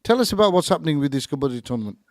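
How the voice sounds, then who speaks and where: Hesitant higher-voiced man co-hosting radio. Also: big pitch swings, racing, no echo, clean studio sound. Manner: hesitant, repeats words and phrases. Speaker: radio co-host. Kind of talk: casual live radio chat.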